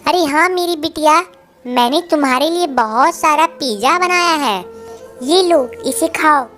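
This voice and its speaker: A woman's voice: sits high, moderate pace, a bit bright, soft background music. A woman voicing a cruel, harsh stepmother bird in a cartoon. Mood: doting. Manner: harsh, scolding. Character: cruel scolding stepmother bird, female, adult.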